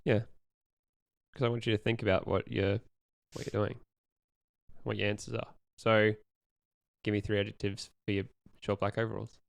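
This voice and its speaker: A young man, talking in a rambling, easygoing way full of ums and restarts. His voice sits low and comes through smooth and clear. The sound is close and dry, with no room around it. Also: flat delivery, normal speed, long pauses, dry recording. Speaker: podcast co-host asking questions. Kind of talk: casual chat.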